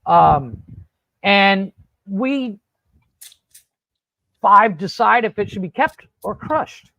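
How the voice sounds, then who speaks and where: A man hosting a casual podcast, telling rambling, profane stories in an animated way. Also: high-pitched, very slow, creaky, no echo, lo-fi sound. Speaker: podcast host. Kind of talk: casual storytelling chat. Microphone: podcast studio mic.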